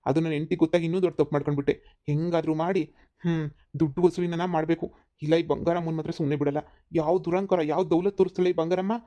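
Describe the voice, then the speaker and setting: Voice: mid-range voice, fairly even intonation, fast, mellow, natural voice. A voice actor playing a grumbling rich homeowner husband in a cartoon comedy. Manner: grumbling, exasperated.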